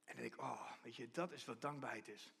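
A man's voice: medium pitch, fast talker, creaky, a bit bright, husky. A man giving a conversational sermon from a church stage, often restarting and repeating himself as he explains. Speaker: preacher.

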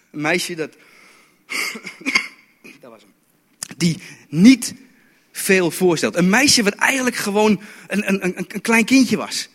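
Fairly high-voiced male preacher, storytelling sermon, stumbling repeats, long hall reverb. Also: a bit bright.

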